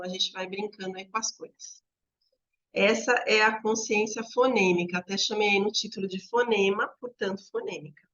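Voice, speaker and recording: A woman teaching fellow teachers in a relaxed lesson, walking through word examples one by one and drawing out the sample words slowly. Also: mid-range voice, highs cut off. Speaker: teacher trainer.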